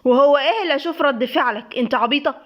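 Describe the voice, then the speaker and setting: A woman's voice: sits high, racing, muffled recording, close to an everyday voice. A woman with an Egyptian accent voicing a hot-tempered young husband who scolds bluntly and sarcastically. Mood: sarcastic.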